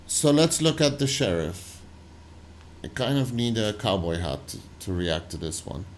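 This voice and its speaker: A man hosting a reaction video, talking loosely and haltingly over footage he is watching. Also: on the low side, very animated, a little hiss or hum. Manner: loose, halting, full of "like" and restarts. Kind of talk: casual commentary over footage.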